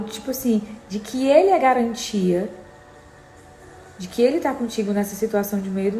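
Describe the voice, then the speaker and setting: A woman's voice: medium pitch, mellow. A woman preaching a morning devotional, emphatic and repeating her exhortations to the listener, recorded in an echoey room. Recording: echoey room, faint background noise.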